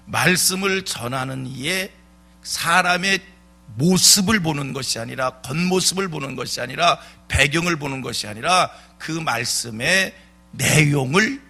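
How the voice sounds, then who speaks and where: In a church sanctuary, a male pastor delivers a dawn sermon, hammering his points home with repeated rhetorical questions and emphatic repetition. His mid-range voice is creaky, pushed and bright, with a slight roughness.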